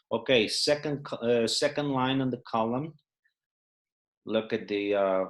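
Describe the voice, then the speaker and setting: A man who speaks natively, going through a phrase sheet in English, unhurried and with many fillers. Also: mid-range voice, fairly bright tone. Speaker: Spanish teacher.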